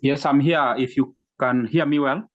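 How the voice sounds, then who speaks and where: A man's voice: medium pitch, steady tone, moderate pace. A man from Kenya, an adjunct lecturer, introducing himself politely on a video call. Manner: polite, courteous. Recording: dull lo-fi call audio.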